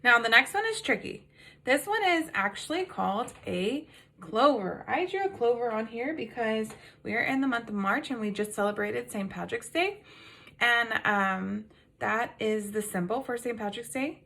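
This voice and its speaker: A woman with a fairly high, sharp voice and some vocal fry teaches phonics to kindergarten children. Her intonation is lively and sing-song, and she goes slowly, patiently prompting the kids with questions.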